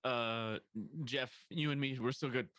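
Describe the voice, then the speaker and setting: A man's voice: medium pitch, steady tone, measured pace, over a noisy crowd. A man playing a tabletop game on an online call, chatting casually and playfully. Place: online group video call.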